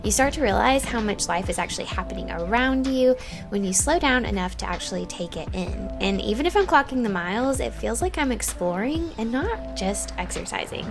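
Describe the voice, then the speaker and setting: A woman's voice: medium pitch, lively intonation, fairly quick. A woman hosting a vlog, talking in a casual, conversational style. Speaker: vlog host. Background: music.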